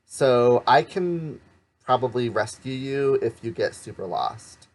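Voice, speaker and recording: A man's voice: mid-range voice, animated, takes it slowly. A man from the Pacific Northwest hosting a let's play, chatting in an upbeat way and guiding the player. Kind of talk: casual chat.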